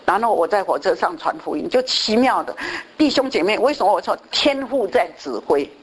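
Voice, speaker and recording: A woman preacher giving a lively testimony sermon, telling stories and dropping in English phrases. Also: medium pitch, fairly quick, a little hiss or hum, low-quality recording. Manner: animated storytelling with bursts of English.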